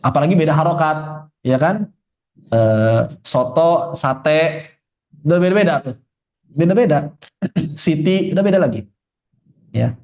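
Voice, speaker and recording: A man from Indonesia giving a religious study lecture, joking and quizzing his class, slowly chanting Arabic verses. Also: on the high side, lively intonation, darkish tone. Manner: joking, conversational teacher asking the class questions. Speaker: Islamic teacher.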